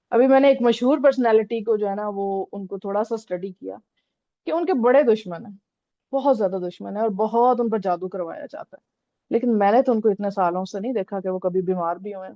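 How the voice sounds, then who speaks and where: A woman's voice: on the high side, no room sound, lo-fi sound. A woman teaching a religious lesson in a conversational way, often checking in with her listeners. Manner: conversational, repeats "theek hai" often. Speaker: Islamic teacher.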